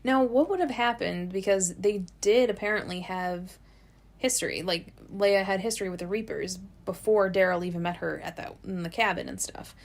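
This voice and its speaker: A woman co-hosts a relaxed podcast and talks over a TV episode in easy, casual chat. She thinks out loud as she goes and often breaks into giggles. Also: mid-range voice, normal speed. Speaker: podcast co-host.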